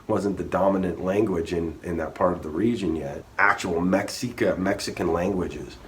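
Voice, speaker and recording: A low-pitched man tells a history story as a loose, profane rant. He stumbles and restarts, swearing as he goes, with a faint hiss of room noise under him. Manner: rambling, profane, restarts often.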